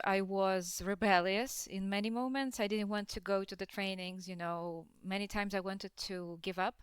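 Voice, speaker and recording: A woman's voice: on the low side, clear, resonant tone, no room sound. A young adult woman from Russia, a dance teacher and podcast guest, talking in a hesitant way with many fillers and frequent laughs. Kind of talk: casual podcast interview.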